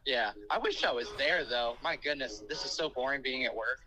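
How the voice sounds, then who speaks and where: A man's voice: medium pitch, moderate pace, bright, forceful tone, slight background noise, poor audio. A man on a speakerphone call from work, chatting in an easygoing, joking, rambling way. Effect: heard over a speakerphone call. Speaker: podcast regular phoning in. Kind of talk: casual phone chat.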